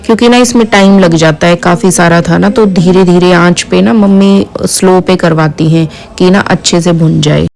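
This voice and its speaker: A woman vlogger chatting casually to her viewers, explaining her cooking as she works. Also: on the low side. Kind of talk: casual chat to camera. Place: home, outdoor cooking spot.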